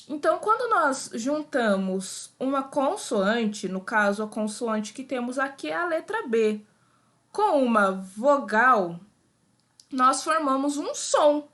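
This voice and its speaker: A woman's voice: fairly high pitch, a bit bright. A woman teaching an adult literacy lesson over slides, patiently sounding out and repeating syllables for her learners.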